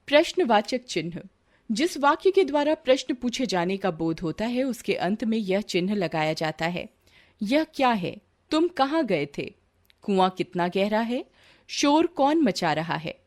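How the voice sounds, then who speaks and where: A woman reading a grammar lesson aloud in a slow, deliberate textbook manner. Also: medium pitch. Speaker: teacher.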